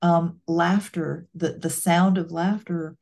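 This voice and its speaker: A woman's voice: fairly low pitch, fairly even intonation, darkish tone. Earnest, reflective woman co-host. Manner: earnest and reflective, speaks in measured thoughts. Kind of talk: casual heart-to-heart conversation.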